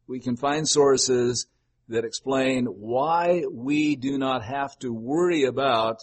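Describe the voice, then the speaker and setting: An older man delivers a sermon in a relaxed, conversational manner, chatting with his congregation rather than orating. His voice has a husky, slightly breathy edge, and it sits at an ordinary middle pitch. He wanders into folksy asides as he talks. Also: slow. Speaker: pastor.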